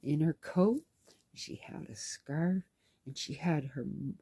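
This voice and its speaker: A woman's voice: sits low, slow pace, breathy edge, no echo. A woman vlogger casually telling a story in a chatty way, acting out what people said. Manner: chatty, animated, acts out dialogue. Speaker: knitting vlogger and caregiver.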